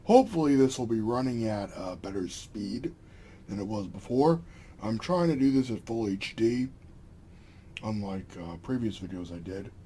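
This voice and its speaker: A young adult video channel host rambles casually in his vlog, with a slight lisp and slur from a retainer. His medium-pitched voice is expressive and warm at a normal speed, recorded indoors in a small home room with clearly noisy background.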